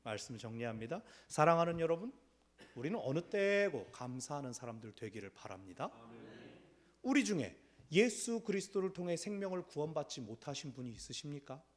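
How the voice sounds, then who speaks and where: A man's voice: fairly high pitch, very animated, fairly quick. A man preaching a sermon as pastor in a church, acting out little quoted voices as he goes. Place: church sanctuary.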